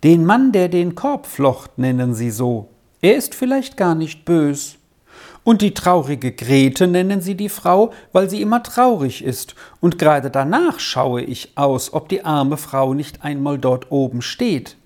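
A woman voicing a gentle, earnest young boy in a storybook reading, speaking softly and reassuringly. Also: low-pitched, animated, a little slow.

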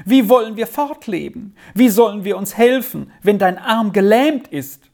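A storyteller voicing a fretful aunt who wails and laments loudly in a high voice. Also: animated, unhurried. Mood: lamenting. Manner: high, loud, wailing. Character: fretful wailing aunt, woman, middle-aged.

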